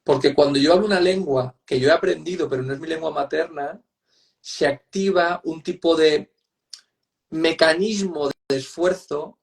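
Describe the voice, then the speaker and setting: This man, a psychotherapist guest with an accent from Spain, has a creaky, slightly high voice at a moderate pace. Explaining conversationally in an online interview, he is emphatic, says things more than once and asks tag questions to gain agreement.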